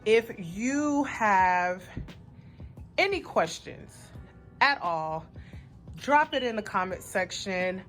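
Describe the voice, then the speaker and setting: A woman's voice: medium pitch, expressive, slow pace, long pauses, a bit bright, soft background music. A woman giving a chatty, upbeat vlog tour of her small business workspace, slightly out of breath. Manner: chatty and upbeat, adds "okay?" and "honey". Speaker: small business owner and vlogger.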